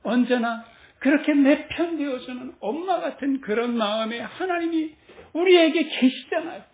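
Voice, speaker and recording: Animated woman preaching over a tinny line. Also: high voice, moderate pace. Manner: animated, acts out quoted voices, laughs often. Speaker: pastor. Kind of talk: sermon. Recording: tinny phone-like sound in an echoey room.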